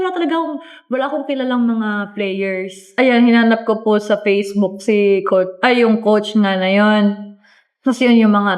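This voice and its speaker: A woman's voice: on the high side, darkish tone. A woman in her twenties, a volleyball player, telling her story in a casual interview in an earnest, chatty way, with many fillers and polite address to the interviewer. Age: 20s.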